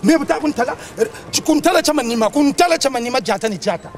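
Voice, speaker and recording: A man's voice: extremely high pitch, expressive, fast talker. A man, bragging and mocking in street banter about clothes. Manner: boastful, mocking. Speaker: sapeur.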